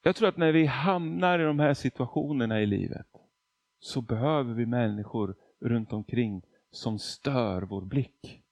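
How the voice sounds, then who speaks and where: A man's voice: mid-range voice, darkish tone, dry recording, highs cut off. A man from Argentina preaching a testimony sermon, telling his story with emphasis and acting out quotes.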